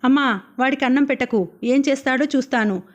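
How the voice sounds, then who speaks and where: A woman's voice: sits high, fairly quick, lo-fi sound, lightly acted. A woman reading the part of a strict young woman who scolds her family in an insistent voice. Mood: scolding. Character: stern strict young woman, eldest sister.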